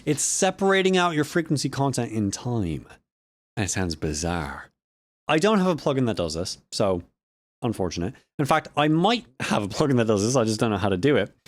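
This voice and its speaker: A young man talks through audio ideas in a loose, chatty recap, often circling back to correct himself. His voice sits on the low side and comes across dry and close on a compressed studio mic at home. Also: no echo. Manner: rambling, self-correcting, chatty. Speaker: audio student and vlog host. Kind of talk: casual spoken recap of a lecture. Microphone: close studio microphone with a compressor.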